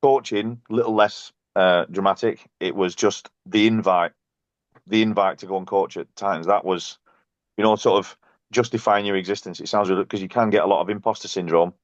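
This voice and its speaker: A man, a podcast guest and coach, telling self-mocking basketball stories in a casual, animated way. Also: low voice, fairly quick, no echo. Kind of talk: casual storytelling. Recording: dull, dry, lo-fi sound.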